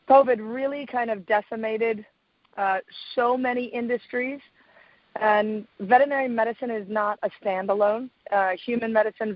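Female radio guest, raspy with laryngitis, measured and explanatory, dry but slightly dull lo-fi sound. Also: on the high side, no echo. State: getting over a cold and laryngitis. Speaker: guest expert, veterinary surgeon and clinic owner. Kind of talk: conversational radio interview.

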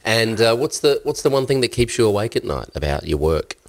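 A man's voice: on the low side, very animated, fairly quick. A man hosting a conversational interview, sounding nasal and stuffed up from a cold, as if pinching his nose. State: recovering from a cold. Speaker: podcast host interviewer.

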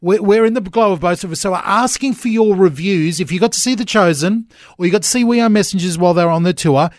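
A man's voice: high voice, fast, dry recording, clean studio sound. A man with an Australian accent hosting casual radio chat, with a blokey, matey manner. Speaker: radio host. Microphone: close studio radio mic.

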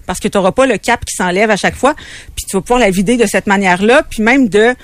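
A radio co-host, giving casual step-by-step tips in a lively way. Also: medium pitch, fast talker, dry recording. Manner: lively, explains step by step with "puis".

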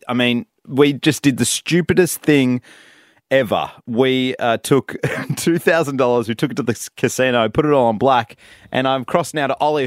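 A man's voice: mid-range voice, no room sound, studio quality. A man hosting live radio, eagerly cheering on his co-host and taking calls.

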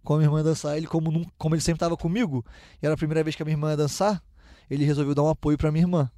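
A man's voice: a little high, level tone, racing, warm tone, no room sound, clean studio sound. A young man, a footballer guest telling a personal story casually, with many restarts.

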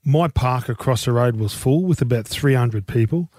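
A man's voice: medium pitch, normal speed, darkish tone, dry recording. A man with an Australian accent chatting casually as a sports panellist, telling anecdotes in a joking, slangy larrikin way.

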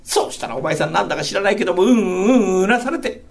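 A male rakugo storyteller voicing a patient, scolding Edo working-class wife, in soft, chiding old speech. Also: sits high, expressive, rapid-fire, gravelly.

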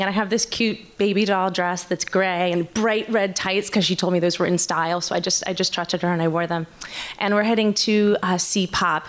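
On stage before a live audience, a woman with a voice on the low side tells a personal story. She sounds nervous and halting, frequently restarting her sentences.

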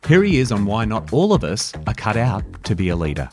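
A man's voice: lowish voice, wildly swooping pitch, fairly quick, a little mellow, soft background music. A man co-hosting a radio talk show, reading scripted links with a playful, jokey manner.

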